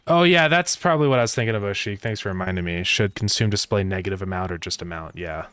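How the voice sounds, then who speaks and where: A man developing a game on a live stream, thinking aloud in a relaxed way and answering chat with fillers. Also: lowish voice, fast, clear, resonant tone, no echo. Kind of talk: casual live-stream chat while coding.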